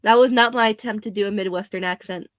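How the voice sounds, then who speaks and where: A young woman, a bit hoarse, chatting casually and laughing often as she rambles. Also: medium pitch, steady tone, fast talker, dry recording. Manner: chatty, laughs often, self-deprecating asides. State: slightly hoarse.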